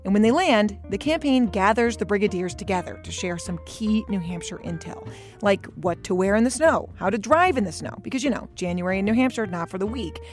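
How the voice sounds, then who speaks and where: A woman hosting and narrating a documentary podcast in a conversational, wry and lively way. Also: mid-range voice, brisk, soft background music. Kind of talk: scripted narration.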